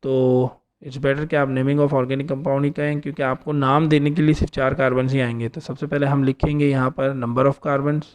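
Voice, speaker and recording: A man's voice: medium pitch, flat delivery, normal speed, few pauses, darkish tone, a little hiss or hum. A man teaching an organic chemistry lesson, explaining step by step and often checking in with his students. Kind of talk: classroom lecture.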